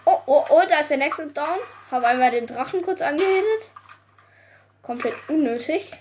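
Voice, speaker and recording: A young woman giving casual gameplay commentary, excitable, often swearing, groaning and exclaiming. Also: sits high, moderate pace, slight background noise. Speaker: gaming video creator.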